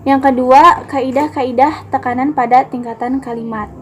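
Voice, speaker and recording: A woman's voice: sits high, steady tone, moderate pace, a little hiss or hum. A young woman student giving a class presentation, explaining steadily and speaking to her classmates with small fillers.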